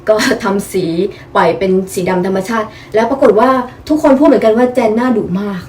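A woman's voice: on the high side, brisk. A young woman chatting politely through a casual product review vlog, explaining each piece in turn. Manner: chatty, polite, frequent soft particles.

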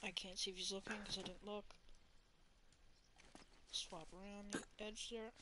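A woman's voice: medium pitch, level tone, unhurried, background noise. A woman streaming a video game, chatting casually to herself as she plays. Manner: chatty, talks to herself, drops to a whisper at times. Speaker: gaming streamer. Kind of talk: casual let's-play commentary.

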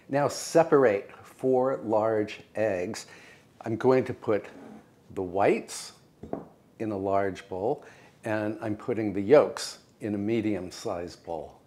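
Wearing a lapel mic, an older American man with a fairly low voice hosts a home cooking show in his kitchen. He talks through the steps one by one, precise and calm, gently encouraging the viewer.

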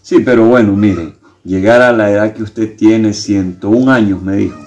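Low, mellow-voiced male interviewer. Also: moderate pace, reverberant, faint music behind. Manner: hesitant questioning, rephrases questions. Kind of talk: informal interview. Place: small brick room at home.

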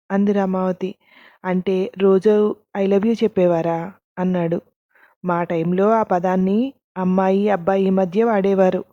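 A woman narrating a scripted story, reading every character's lines in the same even narrating voice. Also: mid-range voice, no echo, lo-fi sound.

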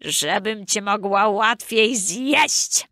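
A woman voicing a greedy, sly wolf for a storybook reading, drawing the words out slowly. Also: medium pitch, bright, forceful tone, no room sound, studio quality. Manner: slow, drawn-out, sly delivery.

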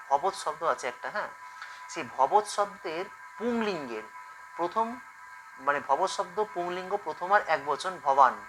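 A man's voice: a little high, rough recording. A man teaching a spoken-language lesson, explaining each form step by step and repeating it. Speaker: Sanskrit teacher.

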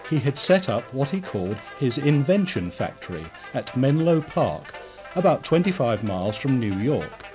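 A man giving scripted documentary narration in a measured storytelling manner. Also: mid-range voice.

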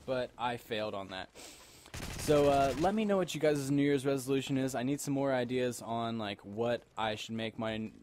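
A man's voice: medium pitch, a little mellow, slight background noise. A tipsy man doing casual game commentary, rambling and repeating himself as he talks to his viewers. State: tipsy from alcohol. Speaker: gamer commentator.

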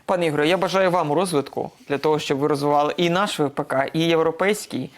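Fast-talking male interview host. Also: fairly high pitch. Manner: quick, conversational questioning. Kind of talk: live studio interview. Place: TV studio.

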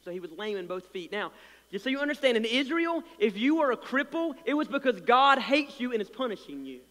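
In a church sanctuary, a pastor delivers a sermon in a voice pitched high for a man, with a slight lisp and a brisk, sing-song quality. He swells to passionate loudness, then sinks nearly to a murmur, piling up repeated words as he builds. Each phrase trails off into long reverb.

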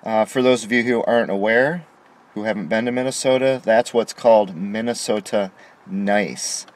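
A man's voice: fairly low pitch, a little mellow. A middle-aged man venting to camera from inside a parked car at night, aggrieved and indignant, pressing hard on his complaints. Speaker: vlogger. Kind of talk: frustrated monologue to camera. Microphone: camera on dashboard facing him.

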